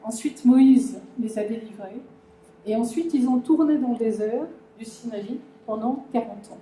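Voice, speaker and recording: A woman's voice: a little high, a little slow, warm tone, slight background noise. Hesitant woman lecturing in an echoey room. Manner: hesitant, many fillers and restarts, addresses audience directly. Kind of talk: conference talk explaining a language.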